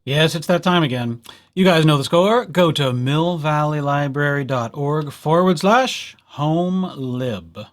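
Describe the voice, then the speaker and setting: Slightly high-voiced and unhurried, a man narrates a scripted library tutorial with a casual, joking feel. He speaks directly to the audience and plays out small pretend conversations, keeping things playful.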